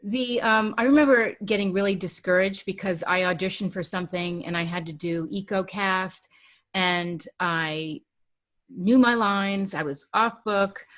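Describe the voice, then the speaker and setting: A woman hosting an interview podcast, asking questions in a relaxed conversational way with frequent ums. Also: mid-range voice, a little slow. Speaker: podcast host. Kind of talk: casual interview chat.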